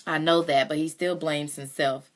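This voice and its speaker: A woman reading aloud voices a calm, careful farm mother who speaks softly and reasons things through. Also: deep voice, normal speed, lightly acted. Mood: cautioning. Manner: soft-spoken, reasoning.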